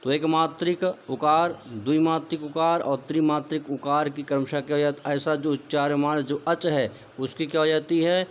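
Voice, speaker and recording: In an online lecture, a man teaches Sanskrit grammar step by step, turning points into questions for viewers, whom he calls friends, and answering them himself. His voice is on the high side with fairly even intonation, normal speed and few pauses, and the highs are cut off.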